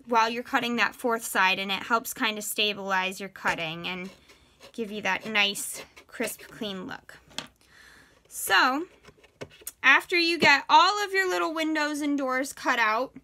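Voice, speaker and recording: Cheery lady art teacher doing a kids craft tutorial, really bright voice, kinda high, kids host vibe. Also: a little slow, slight background noise.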